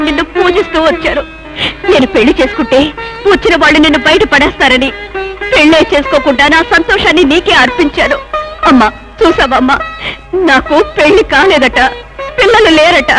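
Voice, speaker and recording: A woman's voice: sits high, natural voice, rough recording. A woman playing a proud unmarried elder sister in a dubbed film drama, speaking sternly and indignantly, then pleading through tears. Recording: film soundtrack with loud music.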